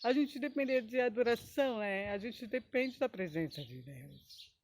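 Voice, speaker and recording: A woman's voice: fairly high pitch, animated, moderate pace, a little mellow, slight background noise. A woman giving an emotional personal testimony, rambling, often adding tag questions and breaking into short praise exclamations.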